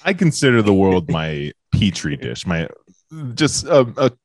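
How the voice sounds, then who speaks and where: A young man trading deadpan, sarcastic quips in casual banter. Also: deep voice, unhurried, no echo, studio quality.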